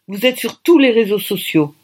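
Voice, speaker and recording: Brief: narrator putting on a curt commanding costume boss, raised pitch. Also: female voice, lively intonation, moderate pace, darkish tone, breathy edge. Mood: dry, teasing. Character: brisk bossy woman costume chief.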